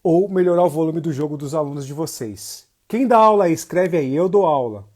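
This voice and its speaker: His expressive voice is on the high side, fairly quick, darkish, and husky. A capoeira teacher from Jacobina, Bahia, Brazil with a northeastern Brazilian accent, he greets viewers during a casual livestream lesson, speaking in slangy, informal terms and often repeating phrases for emphasis.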